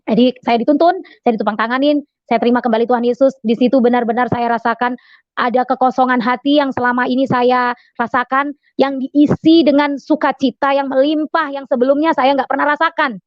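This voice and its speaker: A woman's voice: sits high, steady tone, brisk, dry recording, highs cut off. A woman giving a personal testimony in an earnest storytelling manner, full of "eh" fillers and addressing the audience directly. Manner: addresses listeners as Bapak Ibu Saudara. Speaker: testimony speaker.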